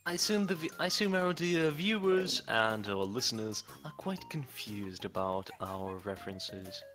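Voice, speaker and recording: Low, bright, lively man playing tabletop. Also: moderate pace, faint music behind. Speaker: tabletop game player. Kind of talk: casual role-play narration with table talk.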